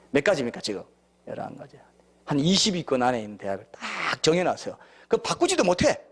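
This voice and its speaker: A middle-aged man preaching a sermon as pastor, asking the congregation questions and acting out quoted voices. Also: mid-range voice.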